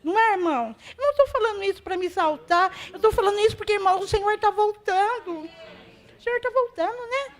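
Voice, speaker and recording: A woman's voice: extremely high pitch, expressive, quick pace. A Brazilian woman giving an emotional, self-deprecating testimony to a church congregation. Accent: Brazilian Portuguese.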